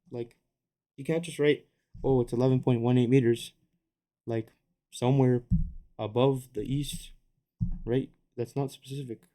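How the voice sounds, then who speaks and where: A young man giving a casual physics lesson at a board, relaxed, with joking asides and quick self-corrections. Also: medium pitch, creaky. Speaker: physics tutor.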